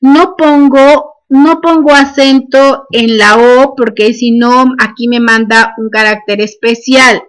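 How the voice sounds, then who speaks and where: A woman's voice: on the high side, fairly even intonation, slow, few pauses. A woman, teaching a programming class and dictating each step with "este" fillers. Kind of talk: screen-recorded coding lesson.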